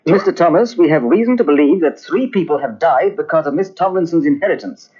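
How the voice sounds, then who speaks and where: An actor playing a courteous, dogged police inspector in an old radio mystery, clipped and probing. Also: male voice, a little high, lively intonation, a little fast, a little mellow, breathy edge. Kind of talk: 1950s radio drama acting. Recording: dull old radio transcription.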